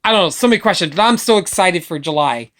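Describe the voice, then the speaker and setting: A woman vlogging casual opinion chat, excitable and gushing, swearing casually, filmed on a webcam or phone. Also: fairly low pitch, quick pace.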